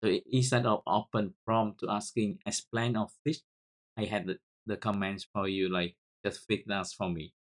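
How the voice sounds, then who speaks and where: In this screen-recorded coding tutorial, the host, a Vietnamese-accented man who is a native Vietnamese speaker, talks in a lowish voice with fairly even intonation. He halts often, repeating words while typing commands.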